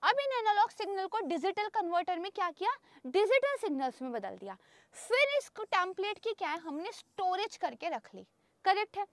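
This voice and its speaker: Very high-voiced chatty woman teacher. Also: sing-song, normal speed, no echo. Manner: chatty, keeps checking in with students; mixes English terms into explanations. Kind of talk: exam-prep lecture.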